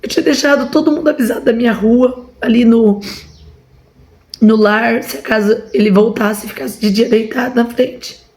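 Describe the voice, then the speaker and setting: A woman's voice: fairly high pitch, fairly even intonation, moderate pace, a little mellow. A woman with a Brazilian Portuguese accent giving a fervent testimony from home, repeatedly calling her listeners brothers. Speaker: preacher. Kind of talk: emotional testimony to a congregation.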